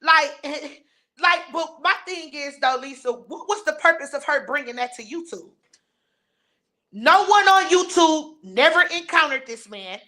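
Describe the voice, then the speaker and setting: Expressive and unhurried, a woman with a high-sitting, bright, forceful voice goes on a heated rant during her live stream. She reads and answers viewers' chat messages with blunt scorn.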